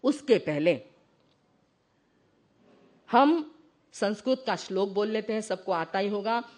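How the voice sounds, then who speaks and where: Slow-speaking woman giving a sermon. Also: medium pitch, lively intonation, darkish tone. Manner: explains verses slowly, asks questions of the listeners. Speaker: Jain religious teacher. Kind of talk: devotional discourse with chanted verses.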